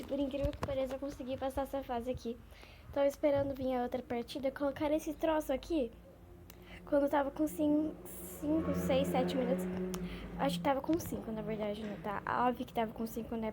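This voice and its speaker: A talkative woman chats her way through a game, rambling and easily excited. Her voice sits high and mellow, with a faint hiss of background noise. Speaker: gaming channel host. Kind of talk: gameplay commentary.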